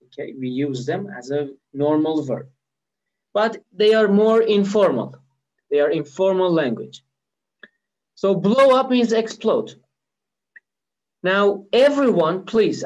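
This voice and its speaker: Persian-accented man as a patient online English teacher, high voice, dull lo-fi audio. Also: darkish tone. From Iran. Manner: patient, repeats key words slowly. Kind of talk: live online lesson.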